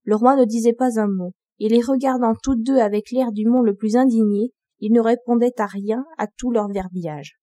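A woman narrates a classic fairy tale for an audiobook in an even, measured way. Her voice is fairly high yet mellow and soft-edged, recorded very dry and close with no room sound. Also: no echo. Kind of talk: scripted storybook narration.

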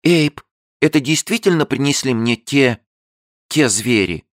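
A shrill, plaintive young actress, easily frightened and prone to whining, voiced by a man reading the story. Her voice climbs far above the reader's own deep register. The recording is dry and close, with no room sound. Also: animated, unhurried, no echo, lightly acted. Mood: excited.

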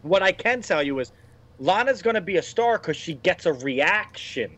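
A man in his thirties talks in a loose, opinionated podcast chat, rambling and blunt. His voice sits a bit high. The audio sounds muffled and lo-fi. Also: animated, moderate pace, a bit bright. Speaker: podcast co-host. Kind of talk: casual wrestling podcast chat. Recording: dull lo-fi audio.

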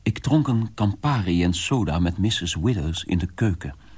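A man's voice: deep voice, expressive, moderate pace, a little mellow, breathy edge, full character voice. An actor playing a young son in a radio drama, confiding in his mother in a wondering, often whispered way. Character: young man telling his mother of a strange household.

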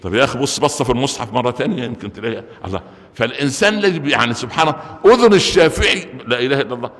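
A man's voice: medium pitch, expressive, rapid-fire, fairly bright tone. A man with an Egyptian accent preaching a Friday sermon, joking and firing off rhetorical questions. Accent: Egyptian Arabic. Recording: long reverb of a large hall.

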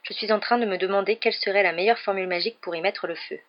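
A woman's voice: mid-range voice, very fast, close to an everyday voice. Woman doing a cool, sarcastic boy wizard. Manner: dry and cutting. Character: sharp-tongued boy wizard, cold and defiant. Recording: dull lo-fi recording.

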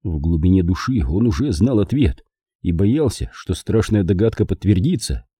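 A man narrating an audiobook as a measured, dramatic reading on a close studio mic. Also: low voice, very animated, dark tone, slightly rough, no room sound. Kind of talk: scripted narration.

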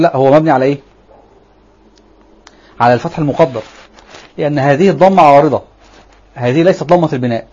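A man's voice: fairly high pitch, a little mellow, breathy edge. Man, Egyptian Arabic accent, grammar lesson, reads a text then explains it, frequent checking questions, dull lo-fi recording. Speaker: grammar teacher.

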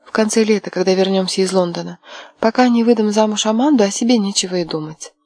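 A woman's voice: medium pitch, fast talker, a little mellow, no echo, close to an everyday voice. A woman voicing a composed older mother in an audiobook, plain and matter-of-fact. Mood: calm. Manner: composed, dry.

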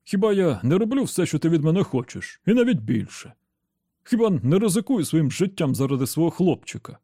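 A frightened, guilt-ridden middle-aged traitor speaks in a raised, strained voice, as a man puts him on. The tone stays dark and mellow, recorded dry and close like an audiobook. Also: fairly high pitch, big pitch swings, a little fast, breathy edge, no echo, pitched above the performer's own voice, heavily acted. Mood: whining. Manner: whiny then weary and dignified.

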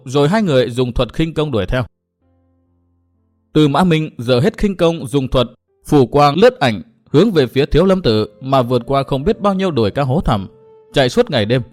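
A man reading a martial-arts novel aloud as an audiobook narrator. His voice sits at an ordinary middle pitch, and he keeps an even, steady storytelling manner.

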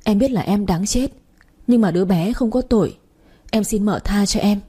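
A woman's voice: medium pitch, normal speed, mellow, slightly rough, lightly acted. A woman voicing a frightened young pregnant woman pleading for mercy. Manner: pleading, sobbing.

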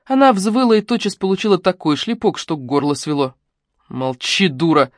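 A woman reading a detective novel aloud in a measured, even narration. The recording is dry and close to the mic, with no room sound. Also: mid-range voice, no echo. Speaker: audiobook narrator. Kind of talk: scripted narration.

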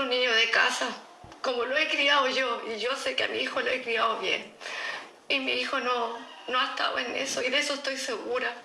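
A woman's voice: sits high, gravelly, pushed and bright, reverberant, a little hiss or hum. A middle-aged woman with a Chilean accent gives an earnest, emphatic personal testimony in an interview, repeating herself as she recounts events. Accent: Chilean Spanish. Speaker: interviewee, mother of an accused teen.

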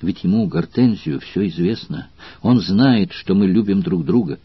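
A man with a husky voice reading the lines of a passionate noble Roman woman in an audiobook, soft and anxious, often near a whisper. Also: low-pitched, animated, moderate pace, no echo, dull audio, exaggerated voice. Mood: urgent.

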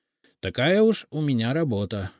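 A man's voice: mid-range voice, big pitch swings, moderate pace, a little mellow, no room sound, studio quality, voice pushed up, natural voice. A man doing a shy little house spirit. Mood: eager. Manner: mumbling, deferential. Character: small humble male house spirit, shy and eager. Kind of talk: audiobook character voicing.

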